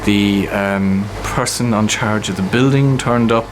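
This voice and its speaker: In an unhurried, somewhat low voice, a poet who heads a literature centre is interviewed and recounts anecdotes conversationally. Noticeable background noise, including a hum and traffic, fills the recording.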